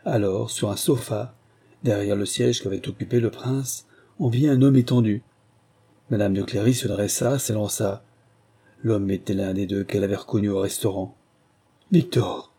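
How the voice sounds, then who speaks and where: Dark husky male audiobook narrator. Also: on the low side, fairly even intonation, normal speed. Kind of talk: scripted narration.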